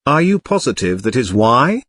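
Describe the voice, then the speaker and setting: Brief: man playing a robot cat, formal and dry, pitch moves a lot, dry close sound. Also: sing-song, normal speed, a bit bright, dry recording. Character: prim male robot cat commentator. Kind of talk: scripted commentary over clips.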